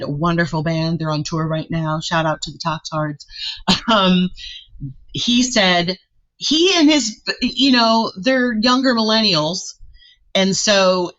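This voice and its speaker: A woman vocal artist being interviewed, telling her story casually and lively, acting out what people said, with a deep, soulful voice. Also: dull audio. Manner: animated, acts out quoted voices.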